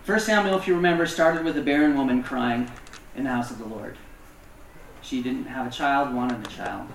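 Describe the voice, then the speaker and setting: A man's voice: medium pitch, moderate pace, a little hiss or hum. A man preaching a casual, self-deprecating sermon as pastor, with many fillers. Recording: echoey room, distant mic.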